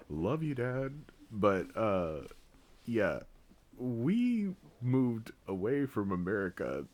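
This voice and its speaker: A man with a very deep voice that still swings up and down a lot. He co-hosts a relaxed chat, rambling through his fillers and breaking into jokes and laughter. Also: extremely slow, long pauses. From Japan. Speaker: podcast co-host. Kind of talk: casual chat.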